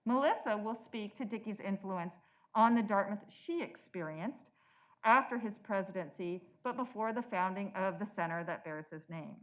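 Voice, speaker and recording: A woman's voice: medium pitch, moderate pace, a bit bright, low-quality recording. A woman speaking through a face mask as a moderator, reading prepared introductions at a formal event.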